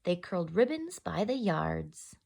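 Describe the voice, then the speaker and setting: Slow and very lively in pitch, with a touch of creak, a woman hosts a story session by reading a picture book aloud for small children. She talks straight to them expressively, posing questions as she goes.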